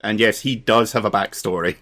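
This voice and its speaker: A man co-hosting a casual film discussion podcast, pausing often with "um" and "uh" and laughing often. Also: fairly low pitch, pushed and bright. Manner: halting, with frequent "um" and "uh". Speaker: podcast co-host.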